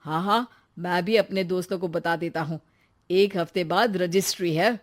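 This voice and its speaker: A woman's voice: on the low side, moderate pace, natural voice. A woman voicing an eager, boastful young man in a cartoon story. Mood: excited. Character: young adult man, eager shopkeeper son.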